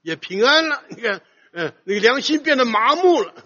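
A man preaching a sermon, swinging between loud emphasis and soft low asides and putting questions to his listeners. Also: very animated, moderate pace. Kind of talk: expository sermon. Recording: dull lo-fi recording.

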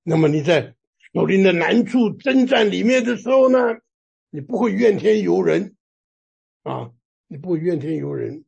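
A man preaching a sermon, emphatic and rising to near-shouts at the climaxes, with a raspy voice. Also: sits high, expressive, moderate pace.

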